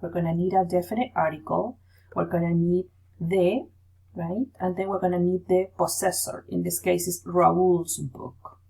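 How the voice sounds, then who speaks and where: A woman with a slightly husky, breathy voice teaches a recorded grammar lesson. She sits a little low in pitch and explains patiently, one step at a time, often checking in with "right?". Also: steady tone, normal speed, warm tone, low-quality recording. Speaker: Spanish teacher.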